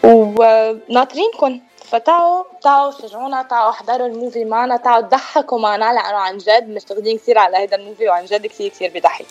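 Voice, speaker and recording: A woman's voice: on the high side, fast, hardly any pauses, a little mellow, soft background music. Chatty Lebanese woman on lo-fi radio. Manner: chatty, mixes in English words. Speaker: actress, interview guest. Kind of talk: casual radio interview chat.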